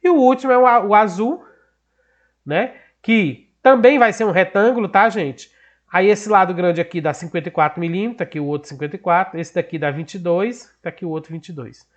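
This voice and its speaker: A teacher with a northeastern Brazilian Portuguese accent patiently explains a math lesson in a high-sitting voice, speaking a little fast on a muffled recording. He poses questions to himself and then answers them.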